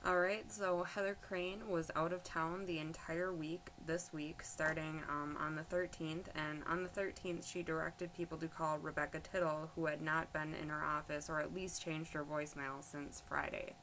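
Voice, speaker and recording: Female narrator, deep for a woman, casual explanatory delivery, slightly noisy recording. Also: little pitch movement, moderate pace, hardly any pauses, a bit bright. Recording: faint background noise.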